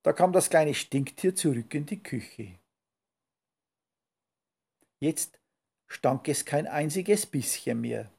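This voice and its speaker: Male storyteller, slow playful read-aloud, dark husky voice. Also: on the high side, lively intonation. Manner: slow, playful rhyming delivery.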